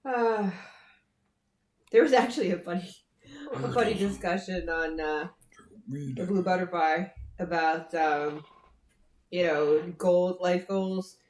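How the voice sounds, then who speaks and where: Casual co-host, woman, hoarse and rough-edged, low-ish voice, blunt rambling delivery, roomy echo. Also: slow, pauses often, a little mellow. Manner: blunt, swears freely, rambling with fillers. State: hoarse, scratchy throat. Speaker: co-host on a livestream. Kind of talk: casual chat.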